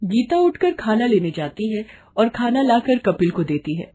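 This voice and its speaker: A woman reading a dramatic family story aloud in an even storytelling voice. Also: on the high side, normal speed, a little hiss or hum. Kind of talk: scripted storybook narration.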